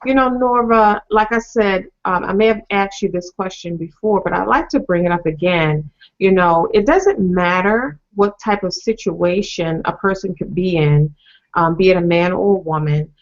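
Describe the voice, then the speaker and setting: Woman interview host with a lowish voice; searching, meandering questions, dull lo-fi recording. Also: moderate pace. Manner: searching, rambling phrasing with fillers. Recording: dull lo-fi sound.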